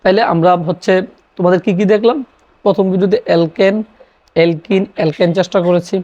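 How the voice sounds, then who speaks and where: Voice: mid-range voice, fairly even intonation, fast, darkish tone. A teacher from Bangladesh gives a classroom lecture, repeating key terms and posing questions that they answer themselves. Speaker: chemistry teacher. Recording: dull lo-fi recording.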